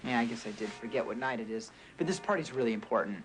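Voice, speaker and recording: A man's voice: medium pitch, fast, lightly acted. A teenage actor playing an overwhelmed boy who has become a young father, pleading and near tears, in a 1980s TV drama. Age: teens. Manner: pleading, then frantic and near tears with a crying baby. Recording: noisy old TV broadcast audio.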